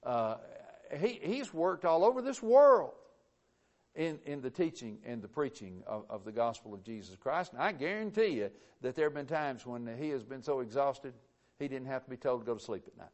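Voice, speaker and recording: A man preaching a sermon, earnest and emphatic, with frequent halting restarts. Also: medium pitch, big pitch swings, a little mellow.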